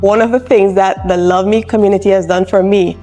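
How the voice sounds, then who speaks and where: A woman's voice: medium pitch, steady tone, brisk. Woman telling her story. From Jamaica. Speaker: interviewee, charge nurse. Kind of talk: personal interview. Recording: soft music underneath.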